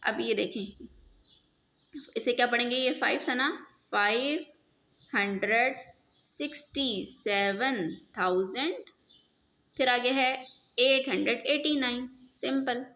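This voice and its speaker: A woman's voice: a little high, steady tone, unhurried, pushed and bright. A woman teaching a math lesson, explaining step by step and asking questions as she goes. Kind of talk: classroom lesson. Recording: dull lo-fi sound.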